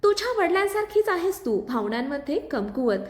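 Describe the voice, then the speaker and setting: A woman reading the lines of a cold, arrogant male crime boss in a storybook tale, calm and mocking, in an echoey room. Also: very high voice, moderate pace, pitched above the performer's own voice. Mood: cold menacing.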